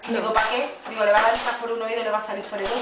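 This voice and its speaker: Indignant flight attendant, far off. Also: female voice, fairly high pitch, little pitch movement, rapid-fire, heavy background noise. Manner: indignant, swearing, acts out quoted dialogue. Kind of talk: casual chat, telling a story. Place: home, indoors. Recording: echoey room, far from camera, clattering dishes.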